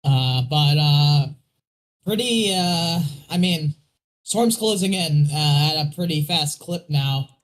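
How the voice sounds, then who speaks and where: A man's voice: fairly high pitch, lively intonation, takes it slowly, rough recording. A man co-hosting a weather livestream with casual, conversational live commentary and plain explanations.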